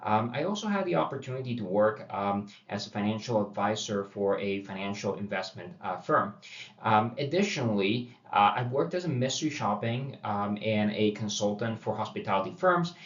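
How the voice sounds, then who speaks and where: A man's voice: fairly low pitch, lively intonation, normal speed. A middle-aged man from Puerto Rico introducing a university course, talking casually with many fillers and restarts. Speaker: university instructor. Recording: dull roomy audio from a distance.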